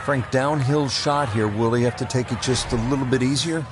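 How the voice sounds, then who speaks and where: A man giving golf commentary as the lead announcer, calling each shot in a measured, understated way. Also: medium pitch, noisy background. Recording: music and crowd behind the voice. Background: music and crowd sound.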